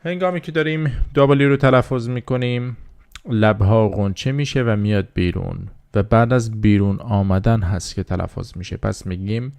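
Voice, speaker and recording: Gravelly low-voiced man teaching slowly. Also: a little mellow, no room sound. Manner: slow drilling repetition of words, patient explaining. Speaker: English teacher. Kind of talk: beginner language lesson.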